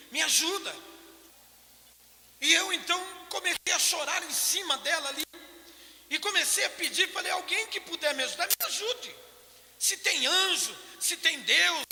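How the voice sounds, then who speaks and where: Man, Brazilian Portuguese accent, church testimony, very high voice, bright and sharp tone, echoey church hall with long reverb. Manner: emotional storytelling, acting out quoted voices.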